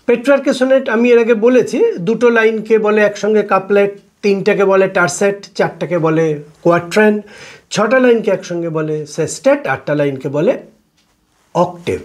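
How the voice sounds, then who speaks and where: A man gives a poetry lecture in a fairly high voice. He talks with many pauses and fillers, and he slows right down when he reads lines of English verse. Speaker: literature teacher.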